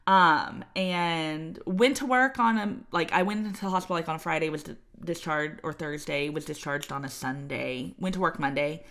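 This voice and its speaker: A woman's voice: sits low, moderate pace, hardly any pauses, a bit bright. A woman, chatting as podcast co-host and telling a personal story with lots of fillers and quoted voices. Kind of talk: casual chat, telling her birth story.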